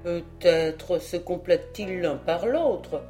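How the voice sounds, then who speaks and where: A woman's voice: fairly low pitch, slow, warm tone, soft background music. A woman reading the part of a terse, agreeable older army major in an audiobook. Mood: dry.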